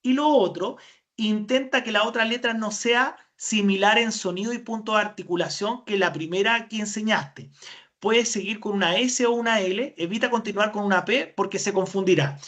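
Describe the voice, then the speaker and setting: A woman's voice: medium pitch, moderate pace, a bit bright. Woman, Chilean accent, speech therapist, webinar lecture, explanatory, poses and answers her own questions. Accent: Chilean Spanish.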